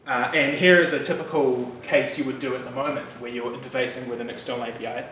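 A fast-talking New Zealand developer in his thirties, mid-pitched, gives a casual technical talk at a meetup in a relaxed, chatty way, with frequent fillers and asides. The venue is a bright loft-like office room with an audience present. Picked up by a room mic he stands away from, his voice sounds distant and echoey over background noise.

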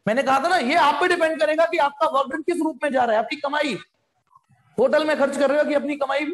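A man teaching physics in a live online class, joking and coaxing students to answer quickly. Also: very high-pitched, fairly even intonation, roomy sound.

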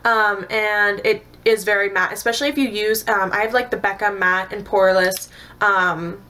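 A young woman from Canada talks through her beauty haul in a loose, rambling way, full of fillers and half-finished restarts. She sounds tired, her voice sitting at an ordinary middle pitch. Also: steady tone, moderate pace, pushed and bright, a little hiss or hum. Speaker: beauty vlogger. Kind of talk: casual haul video chat.

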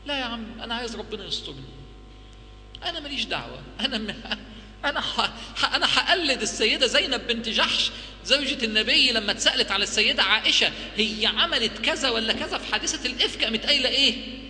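A man with an Egyptian accent preaching to a live audience, firing off rhetorical questions in an animated way. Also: very high voice, quick pace. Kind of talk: religious talk to a live audience. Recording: echoey hall with faint hum.

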